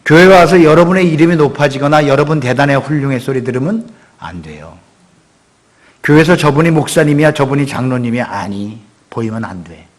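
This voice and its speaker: A middle-aged man preaching a sermon as pastor, talking conversationally and acting out quotes with sudden loud outbursts. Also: mid-range voice, expressive, brisk. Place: church sanctuary.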